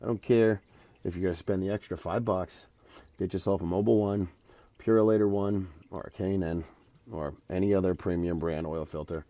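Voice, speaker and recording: A man's voice: low-pitched, steady tone, moderate pace, mellow, dry recording. A man casually narrating a do-it-yourself car repair in a garage, folksy and opinionated, with lots of fillers. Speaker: DIY car maintenance vlogger. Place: garage, working on a truck.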